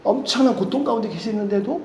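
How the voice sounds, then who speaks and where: A male pastor preaching a sermon, animated and full of questions to the congregation, sometimes dropping to a soft near-whisper. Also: high voice, quick pace, slight background noise. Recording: echoey hall reverb.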